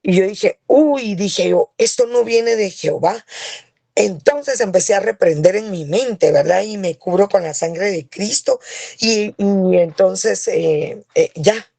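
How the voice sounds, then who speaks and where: A woman giving an earnest spoken testimony over a video call, often pausing to check in with her listeners. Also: mid-range voice, vocal fry, dark tone, dry recording. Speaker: church member giving a testimony.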